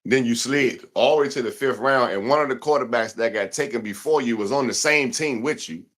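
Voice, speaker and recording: A man's voice: mid-range voice, a little fast, a bit bright. A middle-aged man hosting a casual sports talk show, talking loosely in slang and repeating himself often. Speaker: show host.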